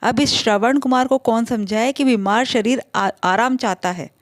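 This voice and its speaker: Speaking in the first person, a woman with a fairly high voice tells a family story at a moderate pace, conversational in tone and making small slips now and then. The recording is close and dry, with no echo.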